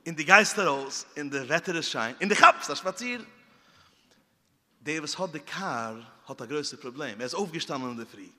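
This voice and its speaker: A man's voice: a little high, animated, normal speed, bright, forceful tone. A man preaching a sermon, telling stories and repeating phrases for emphasis. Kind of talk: sermon with storytelling. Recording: long hall reverb.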